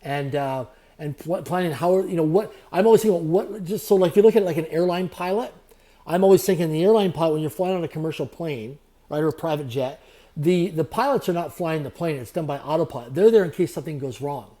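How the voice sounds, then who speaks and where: A man being interviewed on a podcast, speaking in quick, repetitive motivational phrases. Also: a little high, mellow. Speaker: guest, entrepreneur.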